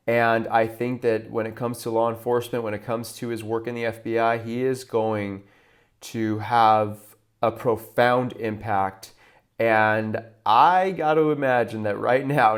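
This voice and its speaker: A man hosting a show, giving political commentary as he introduces and reacts to clips. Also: mid-range voice.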